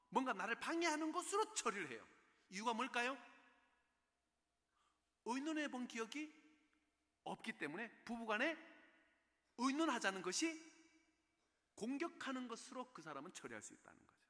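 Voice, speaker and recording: A man's voice: very high-pitched, bright, forceful tone. A man giving a special lecture on parenting at a church, often checking in with the audience through rhetorical questions. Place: church in Seoul. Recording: echoey church hall.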